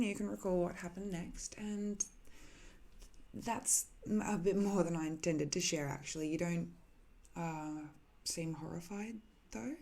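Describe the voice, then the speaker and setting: In an intimate ASMR roleplay, a woman voices a soft-spoken, wistful villain, an ancient cursed living weapon, musing hesitantly and occasionally sinking toward a whisper. Fairly low in pitch with vocal fry, her exaggerated voice sounds tentative and curious.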